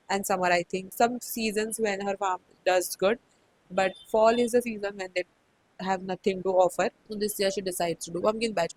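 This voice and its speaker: A woman with an Indian accent talks through her recent reads in a loose, chatty way. She leans on "like" and "you know" and drops into Hindi for quick asides. Her pitch sits in a middle range. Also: no room sound, rough recording. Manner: chatty, many "like" fillers, mixes in Hindi phrases. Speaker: book vlogger. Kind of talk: casual book review chat.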